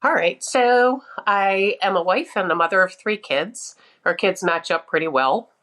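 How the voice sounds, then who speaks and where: A woman in her fifties chats as a podcast guest, candid and easygoing as she tells her story. Her voice sits on the lower side for a woman. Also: measured pace, a bit bright. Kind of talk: casual interview chat.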